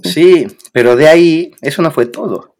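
A man's voice: a little high, moderate pace. A young man with a Mexican accent, co-hosting a podcast and casually telling a story with lots of slang and acted-out quotes. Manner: animated, slangy, acts out quoted voices. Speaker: podcast co-host.

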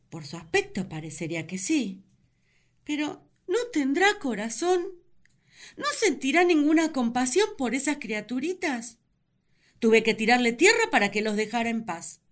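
A woman's voice: high voice, heavily acted. A woman voicing Eve, the curious and talkative first woman, narrating her thoughts. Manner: chatty, wondering, expressive. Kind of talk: radio drama narration.

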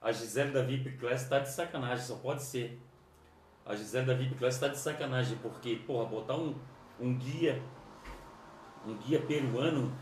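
Greeting his viewers on a livestream, this southern Brazilian man talks informally at normal speed in a mid-range voice, rambling and frequently repeating himself. The room is echoey, the microphone distant, and there's a little hiss or hum.

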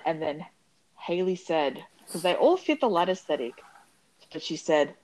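A woman's voice: fairly low pitch, sing-song, measured pace, a little mellow, poor audio. Brash young Western Sydney woman talking eshay slang. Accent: Western Sydney Australian. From Western Sydney, Australia. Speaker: podcast co-host. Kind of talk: casual, sweary chat.

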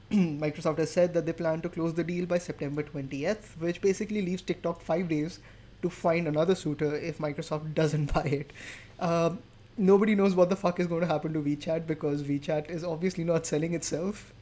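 A man's voice: fairly high pitch, fairly even intonation, brisk, mellow. A man co-hosting a casual tech podcast, moving topics along and chuckling as he jokes. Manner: moves topics along, joking, chuckles mid-sentence. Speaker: podcast co-host.

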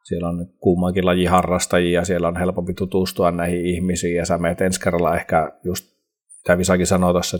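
A man speaking as a podcast guest, explaining his points earnestly and correcting himself as he goes. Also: deep voice. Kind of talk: casual chat.

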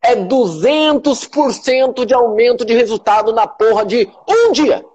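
His voice is very high-pitched with lively intonation and a darkish tone, delivered a little slowly, and the highs are cut off. He is a man with a Brazilian Portuguese accent running a motivational live stream for followers, emphatic, repetitive and swearing freely.

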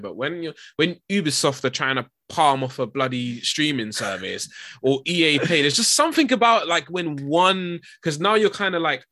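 A man talks in casual podcast chat, full of fillers and quick laughs. His voice is bright and forceful. The sound is dry and close. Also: mid-range voice, no echo. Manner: animated, laughs often, filler-heavy. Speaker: podcast host.

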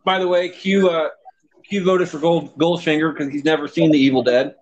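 A man's voice: fairly high pitch, steady tone, moderate pace, poor audio. A man from Texas hosting a casual podcast chat, stumbling over words and swearing freely. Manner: stammering, profane, restarts often. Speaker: podcast host. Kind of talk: casual banter.

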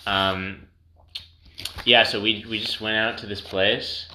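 A man's voice: lowish voice, level tone, slow, bright, forceful tone. A young man hosting a casual podcast chat. He laughs often and talks in a playful, rambling way. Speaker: podcast host. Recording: echoey room with background noise.

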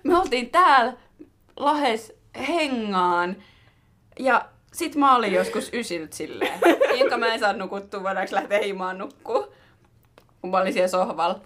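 A woman's voice: medium pitch, expressive, a bit bright. A young woman co-hosting a podcast, chatting casually and telling stories with laughter and slangy swearing. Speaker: podcast co-host. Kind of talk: casual chat.

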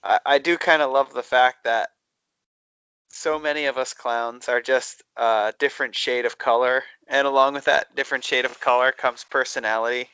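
A man's voice: medium pitch, fairly even intonation, normal speed, sharp tone, clear, resonant tone, dry recording, lo-fi sound. A man chatting casually on a podcast in an upbeat, rambling way. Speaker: podcast co-host.

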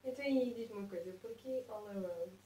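A woman's voice: mid-range voice, brisk, dark tone, a little hiss or hum. A young woman hosting a casual interview, asking questions in informal slang. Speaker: interviewer, host. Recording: roomy echo, distant from the mic.

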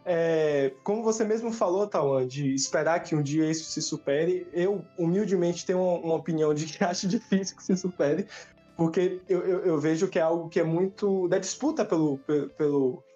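A young man with a mellow, dark-toned voice chats as a podcast guest. His way of talking is informal and modest, and the audio is a little muffled with music underneath. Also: a little high, moderate pace. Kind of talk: casual chat. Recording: dull lo-fi audio, background music.

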